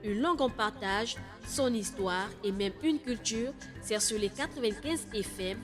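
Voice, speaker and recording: Unhurried and somewhat high-pitched, she delivers a scripted announcement promoting a radio show while loud background music runs under her voice.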